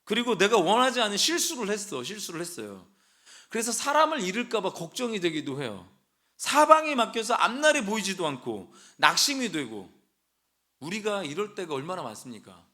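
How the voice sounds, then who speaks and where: A man's voice: high voice, very animated, a little fast, bright, forceful tone. A young adult man preaching a sermon as a pastor, talking in a conversational way, dropping into casual speech and acting out short quoted lines.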